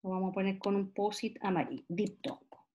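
A woman's voice: mid-range voice, dark tone, highs cut off. A middle-aged woman, giving a classroom lecture. She explains step by step, drawing out example words and checking in with her listeners. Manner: explains slowly, stretches example words, asks rhetorical checks. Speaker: teacher.

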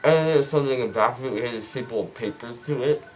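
Just after wisdom teeth removal, a teen boy talks very fast in a medium-pitched, slightly mellow voice, rambling casually through gauze and a numb mouth. Another person records him on a phone held close in a small dental clinic room, with soft background music.

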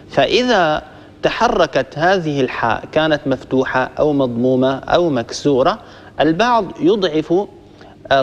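A man teaching a Quran recitation lesson, explaining in a measured way and stopping to demonstrate letter sounds. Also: a little high. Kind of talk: tajweed lesson to listeners. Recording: long reverb, hall-like echo.

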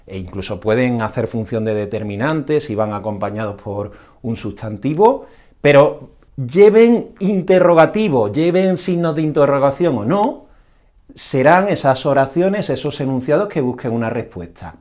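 A man gives a grammar lesson, walking through each point step by step. His pitch rises and falls with a lively, animated intonation. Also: moderate pace. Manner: explains step by step with varied intonation. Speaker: language teacher. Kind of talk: explanatory lesson.

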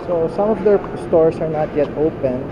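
A man in his thirties narrates a walking vlog as he wanders a nearly empty shopping mall, holding an action camera at arm's length. His voice sits slightly high and comes across a bit dull and muffled. Loud air conditioning and ambient hum fill the background behind his rambling, halting commentary. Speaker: vlogger. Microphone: action camera held at arm's length.

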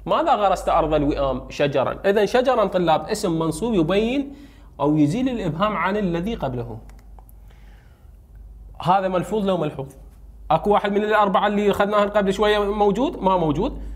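A man with an Iraqi Arabic accent teaching a grammar lesson, firing quick questions at students and answering them himself. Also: sits high, expressive.

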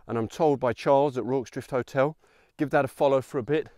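A man in his thirties hosts a history hiking vlog, giving casual, informal commentary with wry asides on a trail in open countryside. His mid-range voice is brisk with fairly even intonation and a dark tone; the recording is dry and studio quality, yet carries outdoor noise and open-air ambience.

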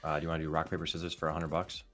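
A young man in his twenties chats casually on a gambling stream. His voice is low and his delivery quick, with music behind him. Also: completely flat delivery, a bit bright. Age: 20s. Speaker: slot streamer. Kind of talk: casual chat.

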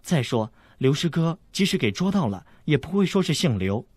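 A man's voice: fairly high pitch, big pitch swings, fast talker, slightly rough, no echo, clean studio sound, pitched above the performer's own voice. A man voicing a shy young swordswoman who speaks bashfully and gets flustered. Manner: bashful, stammering.

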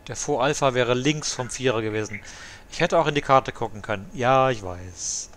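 A man's voice: medium pitch, normal speed, a bit bright. A man giving casual flight simulator commentary as a pilot, muttering to himself and mixing in English aviation terms.

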